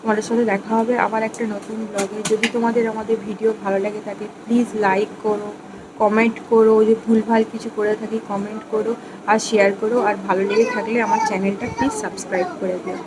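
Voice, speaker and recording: A woman's voice: mid-range voice, level tone, fast, background noise. A woman chatting casually to her viewers in a home family vlog. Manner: chatty, addresses viewers as friends; talks softly to avoid waking someone. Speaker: family vlogger.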